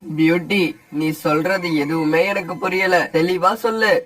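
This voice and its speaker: A man's voice: high-pitched, fairly even intonation, unhurried, a bit bright, dry recording, far from the mic, poor audio. A man voicing a caring father sparrow in a cartoon story, calling out and questioning his daughter. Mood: concerned. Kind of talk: cartoon voice acting.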